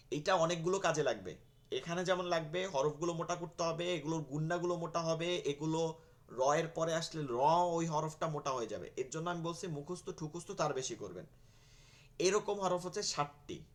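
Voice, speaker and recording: A man's voice: on the high side, lively intonation, normal speed. A man teaching a Quran reading class, drilling letter names over and over and asking questions he answers himself. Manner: repeats letters and drills students, asks and answers own questions. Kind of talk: online class lesson.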